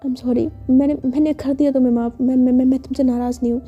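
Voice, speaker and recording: A woman's voice: sits high, level tone, quick pace, warm tone, breathy edge, dull audio, soft background music. A woman voicing a caring young college woman who stammers through apologies and coaxes her friend to stop crying. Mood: apologetic, tender.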